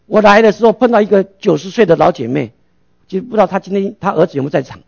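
A man's voice: high-pitched, expressive, fast, creaky, highs cut off. A male pastor preaching a sermon, asking rhetorical questions and answering them himself.

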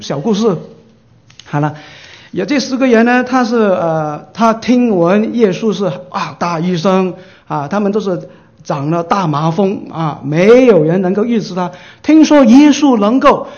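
A man's voice: sits high, darkish tone, muffled recording. A male pastor preaching a sermon. He keeps asking his listeners questions and answering them himself, and he acts out short dialogues in livelier voices.

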